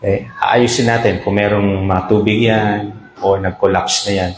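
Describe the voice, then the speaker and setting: A man's voice: fairly low pitch, steady tone, moderate pace, a little hiss or hum. A man with a Filipino accent, a doctor giving a health talk and checking in with his listeners. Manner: explains with repeated "okay?" checks. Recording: echoey room.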